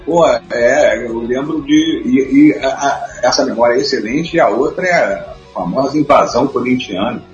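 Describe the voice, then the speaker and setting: A man talking casually on a radio show, telling lively stories with frequent laughs. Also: medium pitch, normal speed. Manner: animated storyteller, laughs often. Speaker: guest. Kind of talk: casual chat. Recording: muffled roomy sound with faint music.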